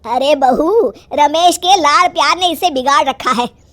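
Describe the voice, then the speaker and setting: A woman's voice: high voice, measured pace, fairly bright tone. A woman playing a haughty, bossy old grandmother in an acted moral story, speaking emphatically. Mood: bossy scolding. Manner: scolding, dismissive, emphatic.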